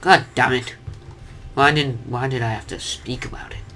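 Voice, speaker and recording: A man's voice: mid-range voice, steady tone, moderate pace, sharp tone, a little hiss or hum. A young man giving casual, jokey commentary on his own gameplay, chatting to himself and his viewers. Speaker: gaming commentator. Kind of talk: casual let's-play commentary.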